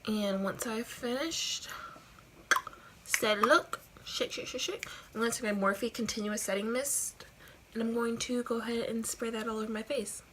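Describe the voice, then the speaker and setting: A woman's voice: fairly high pitch, normal speed, noisy background. A woman talking like a giggly, rambling drunk as she gives a casual makeup tutorial, often repeating herself. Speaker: beauty vlogger.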